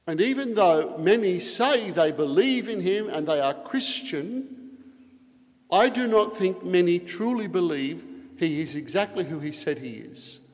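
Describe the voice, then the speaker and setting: A priest reads the gospel and preaches in a slightly high voice, leaning hard on key phrases. His words ring out with a cathedral echo, trailing off into the long reverb of a large stone church. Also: lively intonation, unhurried. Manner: earnest preaching with strong emphasis on key phrases. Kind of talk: Mass gospel reading and homily.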